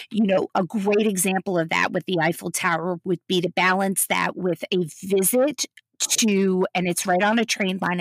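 A woman's voice: medium pitch, no echo. A woman co-hosting a casual travel chat, storytelling and filling her talk with "you know.". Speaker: podcast co-host.

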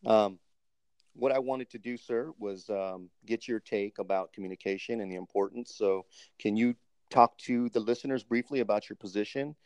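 Low gravelly man, polite host, lots of ums, dry close sound. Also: moderate pace, a little mellow, dry recording. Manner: polite, many ums, formal address of sir. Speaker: host, military doctoral student interviewer. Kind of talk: casual interview, recorded podcast segment.

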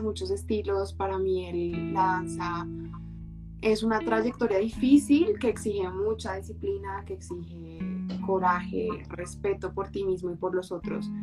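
A woman's voice: medium pitch, rough recording. A young woman in her twenties with a Colombian accent, speaking thoughtfully as a guest, with hesitant fillers. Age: 20s. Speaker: guest, dancer. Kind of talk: live-stream interview.

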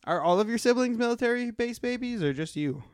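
A man's voice: extremely high pitch, expressive, clean tone, no room sound, studio quality. A man from Wisconsin with a Wisconsin accent, co-hosting a podcast in casual, teasing chat and laughing often. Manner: bantering, quick to laugh, teasing. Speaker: podcast co-host.

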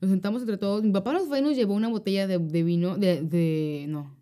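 A woman's voice: mid-range voice, a little fast. A young Mexican woman co-hosting a podcast, telling stories in casual, slangy chat. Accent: Mexican Spanish. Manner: slangy, animated storytelling. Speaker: podcast co-host.

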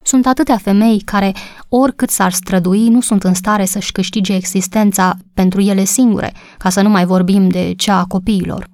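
A woman's voice: mid-range voice, fairly even intonation, darkish tone, no room sound, clean studio sound, close to an everyday voice. A woman voicing a cheerful, eager young wife.

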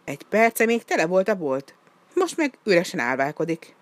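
A woman's voice: on the low side, sing-song, no echo. A woman voicing an older ice-cream-shop lady who scolds shrilly and gets upset easily. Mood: puzzled.

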